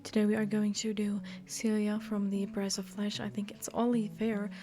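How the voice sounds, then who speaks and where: Over music, the host of a visual novel walkthrough channel keeps up playful, sassy commentary, mixing jokes with lines read from the game. Her medium-pitched voice stays monotone at a moderate pace.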